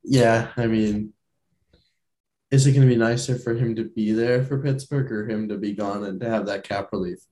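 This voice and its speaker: A man's voice: fairly low pitch, fairly even intonation, moderate pace, warm tone. A man co-hosting a hockey podcast, chatting casually in a laid-back, joking way. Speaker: podcast co-host. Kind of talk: casual sports chat.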